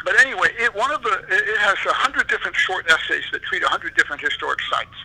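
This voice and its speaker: A man's voice: sits high, expressive, quick pace, creaky, pushed and bright, slight background noise, low-quality recording. A man, an author and historian, answering interview questions in a rambling, digressive way.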